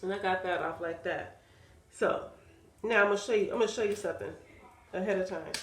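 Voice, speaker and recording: A woman's voice: mid-range voice, reverberant. A woman with a stuffy, nasal voice from sinus trouble, chatting casually to viewers while showing how she cuts and installs a wig. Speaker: wig seller demonstrating a wig install. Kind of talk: casual how-to vlog chat.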